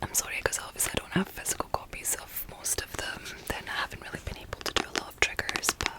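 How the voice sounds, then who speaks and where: Whispering woman, soft ASMR book chat. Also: quick pace. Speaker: ASMR video host.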